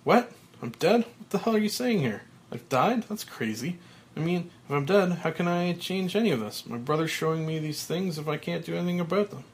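A man voicing a panicked man who thinks he is being buried alive, yelling and frantic. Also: on the high side, animated, moderate pace.

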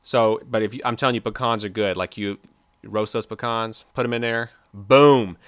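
A man co-hosting a podcast over a video call, talking in an animated, opinionated, playful way. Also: on the low side, normal speed, dry recording. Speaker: podcast co-host. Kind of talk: casual chat. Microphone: remote video call.

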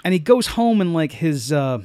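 A man's voice: on the high side, very animated, normal speed, darkish tone, clear, resonant tone, no room sound. A man co-hosting a casual movie podcast, rambling with lots of fillers and restarts. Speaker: podcast co-host. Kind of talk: casual movie-review chat.

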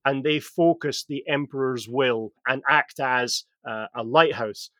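A man chatting on a podcast, walking his co-host through game lore. He rambles, restarts his sentences and fills the gaps with ums and uhs. His voice sits at an ordinary middle pitch, and the recording is dry and close. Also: measured pace, bright, forceful tone, dry recording. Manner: rambling, with frequent fillers and restarts. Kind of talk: casual chat.

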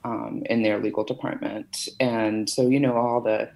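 A woman's voice: very deep voice, flat delivery, moderate pace, vocal fry, darkish tone, poor audio. A middle-aged woman from Massachusetts, a podcast guest telling her career story in a chatty way with many fillers. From Massachusetts, USA. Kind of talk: conversational interview.

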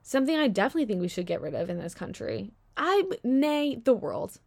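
A young woman hosts her own podcast and talks straight to her listeners. Her commentary is casual and sarcastic, full of slang and quick laughs. Her pitch sits in the middle for a woman. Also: sing-song, gravelly, darkish tone. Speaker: podcast host.

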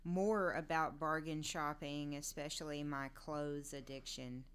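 A woman co-host chiming in during a casual podcast chat, talking in an unhurried way. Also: sits low, fairly even intonation, fairly bright tone, clean tone.

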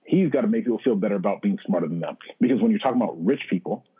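A man's voice: fairly low pitch, lively intonation, racing, husky. A man co-hosting a sports podcast, making emphatic, preachy points in casual talk. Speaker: podcast co-host. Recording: tinny phone-like line.

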